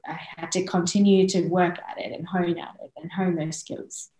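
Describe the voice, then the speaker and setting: A woman in her thirties with an Australian accent, a guest singer-songwriter, chats casually on a video call through a headset from a small indoor room. Her voice is on the low side at normal speed, and the rough recording is reverberant. She's animated, laughing often and restarting.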